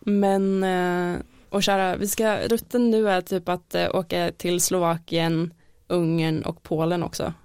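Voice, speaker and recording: A woman's voice: fairly low pitch, flat delivery, hardly any pauses, a little mellow, clean tone, no room sound, studio quality. A woman co-hosting a podcast in casual chat, speaking hesitantly with many fillers. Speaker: podcast co-host.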